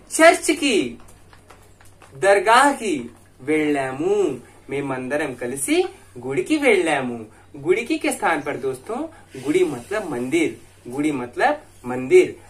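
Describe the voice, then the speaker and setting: A man runs an online language lesson, speaking friendly and patient to his viewers. He moves at an unhurried, deliberate pace, and his voice rises and falls in lively, sing-song swings. He repeats each phrase slowly several times so learners can copy it. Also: fairly high pitch. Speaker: Telugu language teacher.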